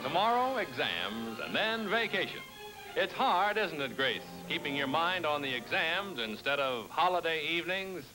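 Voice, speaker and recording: A man narrating an old 1940s newsreel in a brisk, chipper announcer manner, speaking over loud music. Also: fairly high pitch, very animated, rough recording.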